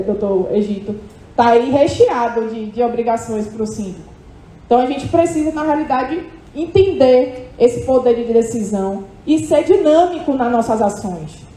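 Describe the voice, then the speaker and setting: A woman psychologist giving an animated seminar talk to an audience, often checking in with quick tag questions. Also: high voice. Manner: animated, lively, questioning "tá?" tags. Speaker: psychologist speaking at a condo managers' event. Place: hotel event hall with audience. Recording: echoey hall.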